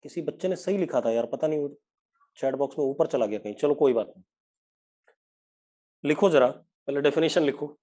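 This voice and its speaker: A male physics teacher runs a live online class and speaks with a fairly high voice. He mixes English terms into his Hindi, slows right down to dictate definitions, and keeps asking the students whether it is clear. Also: dark tone.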